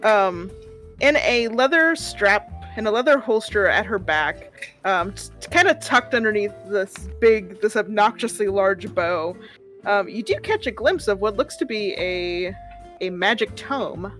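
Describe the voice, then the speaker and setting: A woman's voice: medium pitch, expressive, unhurried, fairly bright tone, soft background music. A woman running a tabletop fantasy game as game master, describing scenes with frequent ums and restarts. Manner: hesitant, many ums and restarts.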